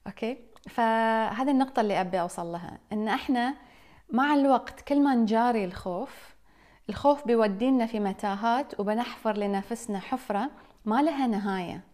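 Speaking briskly in a somewhat high, slightly mellow voice, a mother chats with her live stream viewers in a casual, reflective way. She asks them questions and addresses them directly.

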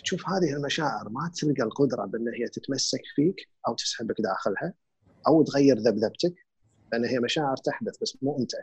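A man with a Gulf Arabic accent calmly explains emotions and grief, mixing in English words. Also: medium pitch, fast talker, breathy edge, no echo. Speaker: guest speaker on grief and emotions. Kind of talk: reflective conversational explanation.

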